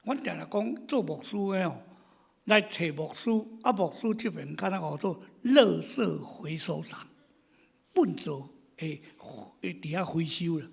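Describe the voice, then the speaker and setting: A man preaching a sermon as pastor, telling stories in an animated way and swinging between loud exclamations and hushed asides. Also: on the high side, a little slow, gravelly, slightly rough. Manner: animated storytelling, acting out his congregants' complaints.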